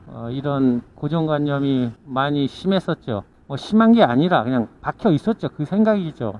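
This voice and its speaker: A man, a delivery rider vlogger, rambling through casual stories of old village life and acting out quoted lines. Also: medium pitch. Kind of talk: casual storytelling monologue. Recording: tinny phone-like with faint noise.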